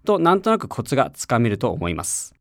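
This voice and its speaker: A man's voice: mid-range voice, wildly swooping pitch, brisk, dry recording, studio quality. A man from Japan, an English teacher, narrating a scripted lesson for an audio CD and encouraging listeners to repeat after him.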